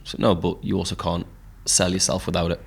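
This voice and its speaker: Give me a deep Geordie man, casual and rambling, talking music in a pub. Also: fairly quick, gravelly, slightly rough. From Newcastle, England. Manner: relaxed storytelling with frequent fillers. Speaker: podcast host and musician.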